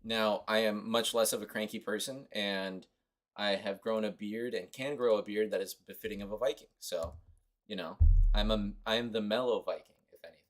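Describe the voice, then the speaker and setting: A man's voice: lowish voice, steady tone, normal speed. A young man from Costa Rica streaming a mobile game, chatting offhand and rambling to his viewers. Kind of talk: casual livestream commentary.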